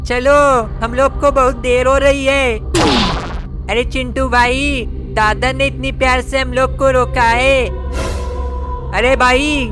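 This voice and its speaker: A man voicing cartoon kids, talking in an excited, exclamatory way. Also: extremely high pitch. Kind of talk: cartoon voice acting. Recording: music playing behind.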